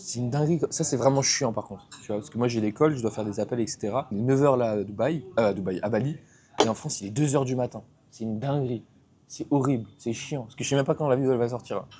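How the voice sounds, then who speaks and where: A young man talks straight to his handheld camera in a loose, slangy, rambling way. He speaks quickly, with a mid-range voice. A faint outdoor ambience sits behind him. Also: medium pitch, warm tone, a little hiss or hum. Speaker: vlogger. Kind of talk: casual travel vlog.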